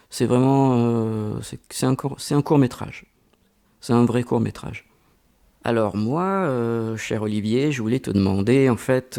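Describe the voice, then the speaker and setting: A man's voice: mid-range voice, dark tone. A man answering interview questions in a reflective way, with frequent hesitations and repeated words. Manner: slow and halting, many hesitations and repeated words. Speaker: interviewee, amateur voice actor.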